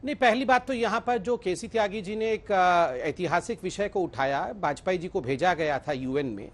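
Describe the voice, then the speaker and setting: A man's voice: high-pitched, normal speed. A man speaking as a party spokesperson in a TV debate, emphatic and appealing to the anchor. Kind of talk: TV debate argument.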